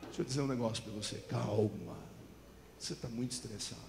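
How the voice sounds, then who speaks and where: A male pastor preaching a fervent Pentecostal sermon, swinging from quiet talk to shouting. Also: medium pitch, fast talker. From Brazil. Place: large church hall. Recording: church hall reverb with faint music.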